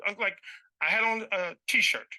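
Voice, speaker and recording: Bright-voiced man, halting and defensive. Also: high voice, no echo, poor audio. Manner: halting, stammering, repeats himself. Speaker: litigant on a TV court show. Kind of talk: defensive explanation to a judge.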